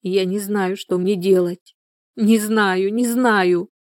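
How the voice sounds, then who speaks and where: A woman's voice: medium pitch, fairly even intonation, takes it slowly, darkish tone, no room sound, clean studio sound, lightly acted. A woman reading an audiobook, voicing a distraught, tearful pregnant young woman who pleads in broken repetitions. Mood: sobbing.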